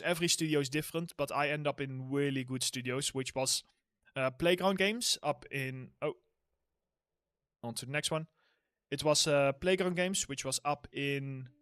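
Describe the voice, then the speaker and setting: A man's voice: medium pitch, a bit bright, clear, resonant tone, no room sound. Dutch-accented man hosting a casual livestream. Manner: reads chat questions aloud and answers loosely, with fillers and laughs. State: throat getting sore from talking. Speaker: livestream host, environment art tutor.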